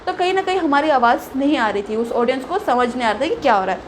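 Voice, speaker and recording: A young woman with a high, light voice tells a personal story in a casual vlog. She is animated and drops English phrases in as she goes. A faint hum of room ambience sits behind her. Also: quick pace. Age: young adult. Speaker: vlogger.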